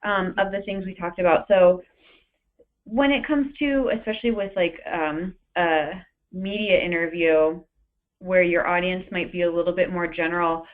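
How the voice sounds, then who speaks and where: A woman presenter leading a training webinar, coaching in a relaxed way with plenty of fillers, then posing questions like a reporter. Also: lowish voice, moderate pace. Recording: tinny phone line.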